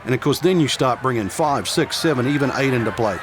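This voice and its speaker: A man's voice: mid-range voice, expressive, a little fast. A man explaining golf shots as a broadcast analyst, speaking directly to the listener. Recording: noisy outdoor ambience.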